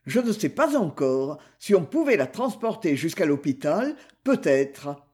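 Gruff army doctor from a read-aloud novel, as a male narrator voices him, curt and grumbling. His voice sits fairly high and moves a lot in pitch. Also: big pitch swings, measured pace, darkish tone.

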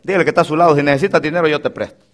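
A man's voice: a little high, fairly even intonation, very fast, a bit bright. A male pastor preaching from a church pulpit, emphatic and leading the congregation in call-and-response. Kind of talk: sermon.

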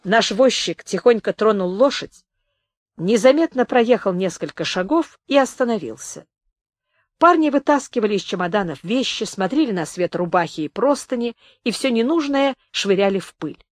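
Woman audiobook narrator, animated pitch, dry close studio sound. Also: normal speed, dry recording. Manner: expressive, varied reading.

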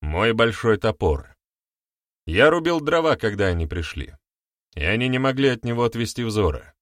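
A man's voice: medium pitch, big pitch swings, moderate pace, no room sound, clean studio sound, lightly acted. A man voicing a stern, commanding male village sorcerer in an audiobook, firm and declaiming. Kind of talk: audiobook reading.

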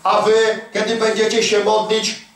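A man's voice: high voice, completely flat delivery, moderate pace, gravelly, a bit bright. A man preaching a fervent, emphatic sermon full of rhetorical questions. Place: large echoey prayer hall. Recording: echoey hall recording from far off.

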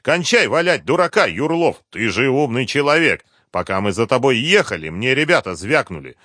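A man's voice: medium pitch, sing-song, normal speed, sharp tone, dry recording, studio quality, voice pushed up. A male narrator voicing a hard-nosed male colonel who issues blunt threats and commands. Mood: menacing. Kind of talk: audiobook character voice.

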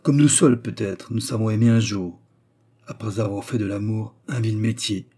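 A man's voice: lowish voice, fairly even intonation, normal speed, dark tone, husky. A man voicing a scheming young woman who feigns devotion, his voice raised and pleading, in an audiobook reading.

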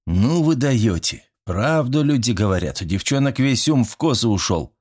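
A man's voice: mid-range voice, lively intonation, moderate pace, darkish tone, breathy edge, voice pushed up. Man voicing a cocky teen boy in an audiobook, scoffing, self-assured. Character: cocky teenage schoolboy, mocking the girls. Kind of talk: audiobook character voice.

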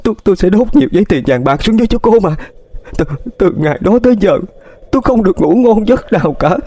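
A man's voice: sits high, expressive, fast talker, warm tone, pitched above the performer's own voice. Man putting on a stammering, panicked old woman. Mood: panicked begging. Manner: stammering, pleading, sobbing. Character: terrified guilt-ridden older woman begging a ghost.

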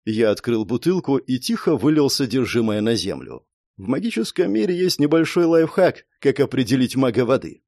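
Young male narrator, lively delivery, slightly high voice, dry close sound. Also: normal speed, no room sound. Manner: expressive, animated storytelling. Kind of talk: audiobook narration.

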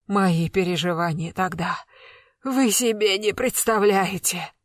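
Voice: medium pitch, fairly even intonation, unhurried, dry recording, lightly acted. Reader doing a desperate accused man, pleading denials, audiobook scene, dry close sound. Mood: bitter. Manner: pleading, rising to shouted denials. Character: desperate cornered middle-aged man accused of murder. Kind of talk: audiobook character reading.

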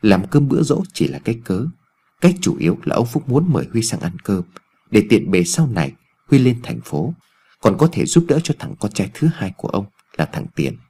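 A man narrating a ghost story in an expressive storytelling reading. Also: lowish voice, moderate pace, breathy edge.

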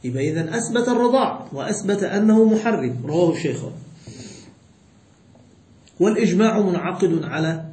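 A man's voice: fairly high pitch, a little mellow, reverberant. A man teaching a jurisprudence lesson with an Egyptian accent, stretching words and quizzing his students. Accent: Egyptian Arabic. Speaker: sheikh teaching Islamic jurisprudence. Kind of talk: classroom lesson with questions to students.

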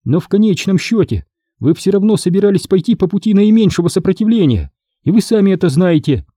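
A woman's voice: mid-range voice, animated, brisk, dark tone, breathy edge, no echo, studio quality, voice pushed up. A man voicing a fierce, loyal young woman in an audiobook, pleading and scornful by turns. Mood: heated. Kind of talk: audiobook character voice.

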